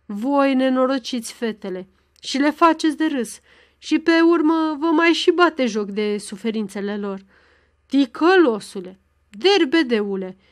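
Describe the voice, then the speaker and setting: A woman's voice: high voice, expressive. A woman reading as an indignant scolding matron. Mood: outraged. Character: outraged middle-aged teacher's wife.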